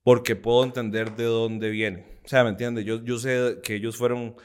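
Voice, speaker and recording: A man's voice: mid-range voice, moderate pace, clear, resonant tone. A young Costa Rican man, a comedian, telling personal stories animatedly in an interview, acting out quotes and laughing often. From Costa Rica. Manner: lively, acts out quotes with voices, laughs a lot. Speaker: guest comedian.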